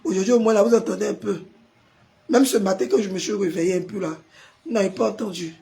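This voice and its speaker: A pastor hosting a live stream, hoarse from a sore throat and forcing his voice out as he chats with viewers and answers their comments. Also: high-pitched, fairly even intonation, fast, warm tone. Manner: chatty, greets viewers by name and answers comments.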